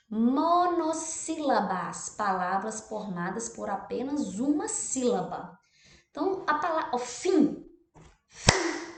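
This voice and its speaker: A Brazilian woman, a primary school teacher, explaining a textbook exercise to children, drawing out syllables and often checking "tá bom?". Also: on the high side. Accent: Brazilian Portuguese. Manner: lively, drawn-out stressed syllables, frequent "tá bom?" checks. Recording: echoey room.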